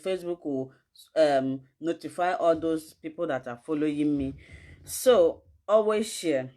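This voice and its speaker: A woman with a West African, Nigerian accent giving an informal livestream health lesson, addressing viewers directly and emphatically with rhetorical questions. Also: low-pitched. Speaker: online health teacher.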